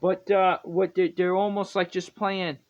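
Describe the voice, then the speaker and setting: High-voiced rambling guitar teacher man. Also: flat delivery, a little slow. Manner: rambling, self-correcting, chuckles often. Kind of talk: casual music lesson. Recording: dull lo-fi with guitar playing.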